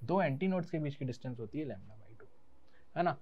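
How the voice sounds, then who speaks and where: A man's voice: mid-range voice, lively intonation, fairly quick, husky, dull audio. A young Indian man teaching physics in an online class. He mixes Hindi and English terms and answers his own questions in a student's voice.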